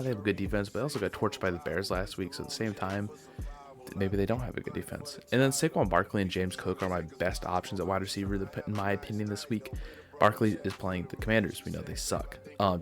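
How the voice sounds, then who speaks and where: Man, lowish voice, tired, offhand and rambling, faint music underneath. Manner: offhand, rambling, self-correcting, yawns while talking. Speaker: sports video host. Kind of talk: casual solo sports predictions.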